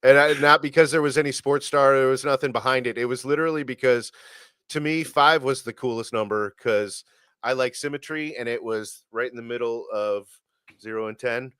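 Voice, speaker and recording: A man's voice: mid-range voice, fairly quick, fairly bright tone, smooth, dry recording. Chatty, eager co-host, a man with a mid-range voice on a dry recording. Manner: enthusiastic, chatty, searches for words. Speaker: podcast co-host. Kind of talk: casual sports chat.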